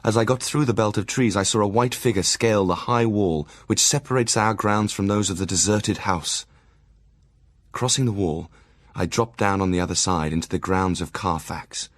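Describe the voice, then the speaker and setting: An actor playing a serious, conscientious Victorian doctor narrating his diary and letters in an audio drama, measured and formal. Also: lowish voice, dry recording, clean studio sound, lightly acted. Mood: urgent, grave.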